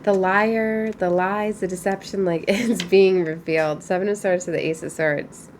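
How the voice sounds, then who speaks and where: A woman giving a casual, chatty spiritual tarot reading, musing aloud with thoughtful pauses. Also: medium pitch, steady tone, slight background noise. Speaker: tarot reader.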